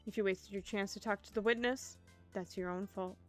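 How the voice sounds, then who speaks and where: A woman's voice: mid-range voice, fairly even intonation, brisk, soft background music, close to an everyday voice. A woman voicing a haughty, impatient young woman who talks down to others in a curt manner. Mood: scornful. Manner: curt, condescending.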